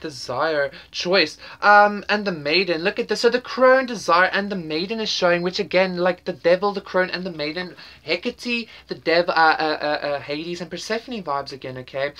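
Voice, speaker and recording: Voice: mid-range voice, normal speed, few pauses, sharp tone. A tarot reader giving a casual pick-a-card reading, who talks straight to the viewer and rambles with repeated words and frequent "okay?" check-ins. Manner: enthusiastic, intuitive, talks directly to the viewer.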